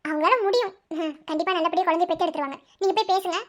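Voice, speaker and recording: A woman voicing a calm woman doctor who reassures worried relatives in a firm, soothing way. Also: very high voice, rapid-fire. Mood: reassuring. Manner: soothing, firm, mixes English words. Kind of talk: cartoon voice acting.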